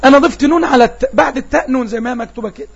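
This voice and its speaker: A man's voice: extremely high pitch, rapid-fire, gravelly, breathy edge, lo-fi sound. A man with an Egyptian Arabic accent teaches an online Arabic lesson, patiently repeating sounds and quizzing his students.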